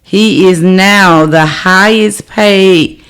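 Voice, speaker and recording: Middle-aged mom co-hosting a sports pod, reads headlines, lots of ums. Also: female voice, mid-range voice, very slow, fairly bright tone, clear, resonant tone. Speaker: podcast co-host. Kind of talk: casual sports chat, reading out news.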